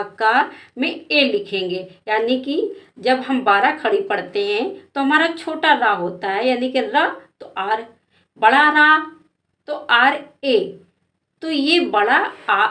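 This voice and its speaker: Slow-speaking higher-voiced woman teacher. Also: a bit bright. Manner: slow, questioning, repeats letters patiently. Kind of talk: spelling lesson for children.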